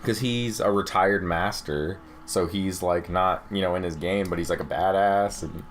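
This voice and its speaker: A man's voice: deep voice, moderate pace. A young man chatting casually as he reviews a video game trailer. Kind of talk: casual chat. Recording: steady background room noise.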